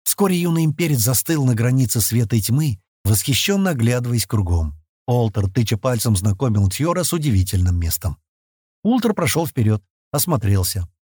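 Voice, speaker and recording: A male narrator reads a fantasy adventure with expressive, lively storytelling, his pitch moving widely. His voice is husky and slightly breathy at a middle pitch. The recording is dry and close. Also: brisk, no echo. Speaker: audiobook narrator.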